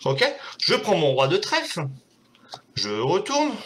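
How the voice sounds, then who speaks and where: A chatty man hosting a homemade live stream, with a high voice that swoops up and down as he talks. His tone is bright and forceful. He is self-mocking and swears freely. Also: huge pitch swings, slow pace, a little hiss or hum. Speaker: host of a home live show. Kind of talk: casual live-stream chat while doing a card trick.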